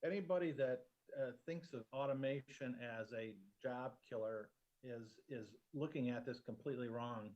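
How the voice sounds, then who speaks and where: A man's voice: mid-range voice, moderate pace, darkish tone, dull audio. A man who runs his family's company, speaking confidently and matter-of-factly in a video testimony. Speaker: company owner.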